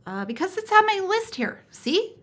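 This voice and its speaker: A woman's voice: extremely high pitch, big pitch swings, moderate pace, a bit bright, voice pushed up, exaggerated voice. A woman voicing a timid, earnest young male dragon in a storybook read-aloud, with an eager, apologetic manner.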